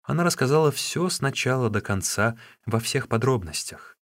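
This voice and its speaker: A man reading an audiobook, measured and expressive, in a mid-pitched voice. The sound is dry and close, with no room around it. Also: no echo. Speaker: narrator. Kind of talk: audiobook narration.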